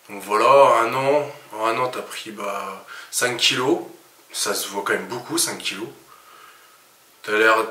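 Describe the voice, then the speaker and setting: A man's voice: mid-range voice, pushed and bright. A man with a northern French Ch'ti accent, a fitness coach talking through his workout in a chatty vlog with joking asides. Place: gym. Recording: echoey room, mic at a distance.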